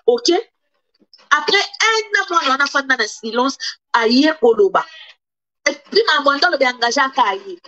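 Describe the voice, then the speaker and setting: A woman's voice: high-pitched, lively intonation, unhurried, long pauses, pushed and bright. A woman YouTuber, giving indignant commentary to camera and switching between Lingala and French. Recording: dull lo-fi recording.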